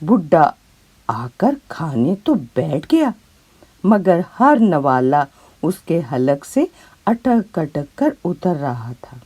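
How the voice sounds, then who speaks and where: A woman with an Urdu accent narrating a children's moral story in a dramatic, expressive way. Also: on the low side.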